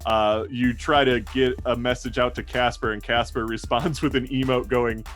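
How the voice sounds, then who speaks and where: A man improvising narration as game master of a tabletop game, in a casual, halting way. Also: mid-range voice, level tone, a bit bright, soft background music. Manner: casual, halting, prone to laughing.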